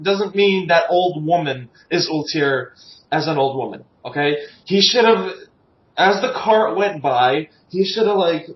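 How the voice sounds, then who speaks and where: A man hosting a casual fan podcast, his voice sitting a bit high for a man. He runs through the week's chapters with crude sarcasm and plenty of swearing. The recording is muffled and lo-fi, with an echoey room around him. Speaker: podcast host.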